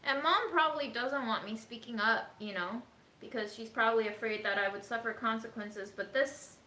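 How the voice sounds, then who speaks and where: A woman from China talks in a casual cooking vlog, earnest and outspoken, her voice a bit high and sharply bright. She speaks slowly and carefully. The home kitchen rings with echo, and a faint noise runs underneath. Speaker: cooking vlogger. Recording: echoey room with faint noise.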